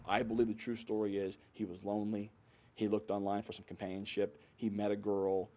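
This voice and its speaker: Man, interviewee, low mellow voice, halting, repetitive phrasing. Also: little pitch movement. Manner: halting, repeats himself. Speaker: news interviewee. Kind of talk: spontaneous interview soundbite.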